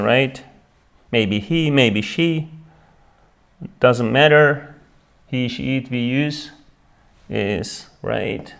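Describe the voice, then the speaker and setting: The teacher is a man with a medium-pitched, fairly bright, clear and resonant voice whose first language is Turkish. In this beginner English grammar lesson he alternates between English and Turkish, speaks slowly, repeats each word, and checks "right?" after each point.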